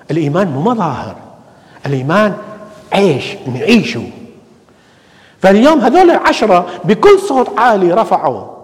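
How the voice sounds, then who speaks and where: A male priest with an Iraqi Arabic accent delivers a sermon in a fairly high voice that rises and falls with lively swings. His preaching stacks rhetorical questions and repeated phrases. The sound carries the long reverb of a large church.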